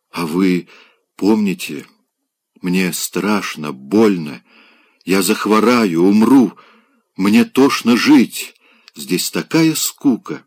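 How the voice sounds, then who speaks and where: A man's voice: on the low side, no echo. A man voicing a passionate, restless married woman in an audiobook, pleading and melodramatic. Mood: desperate pleading.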